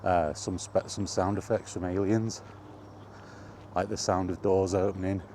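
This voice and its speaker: A middle-aged man on his gaming vlog wanders casually through memories of retro games, unhurried and informal. His voice is low-pitched and warm with little pitch movement, and slight background noise is audible.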